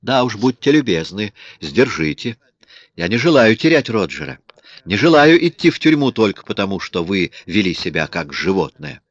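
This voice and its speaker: A resentful young woman in a tight spot, sharp and reproachful, as a man reading the story puts her on. She sounds close and dry on a dull, lo-fi recording. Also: lowish voice, sing-song, moderate pace, dry recording. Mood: cold. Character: angry, selfish young woman in trouble.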